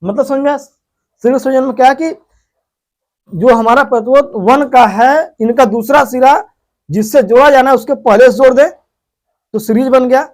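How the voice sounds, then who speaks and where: A man's voice: extremely high pitch, moderate pace, pauses often, darkish tone. A man teaching a physics lesson, who keeps asking questions and answering them himself as he explains step by step. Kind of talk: whiteboard lesson.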